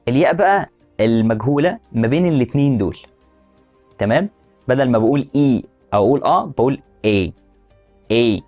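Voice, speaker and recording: A man with an Egyptian Arabic accent teaching a language lesson, repeating example words slowly and asking the viewer questions. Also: mid-range voice, expressive, narrow, tinny audio, soft background music. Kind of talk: explanatory lesson.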